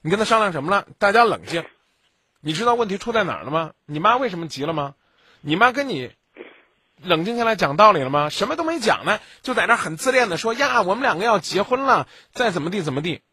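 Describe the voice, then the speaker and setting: Radio advice host, male, dry studio sound, lectures sharply, bright voice. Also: high-pitched, very animated, fast talker, slightly rough, no room sound. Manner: blunt, lecturing, scolding. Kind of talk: late-night call-in advice.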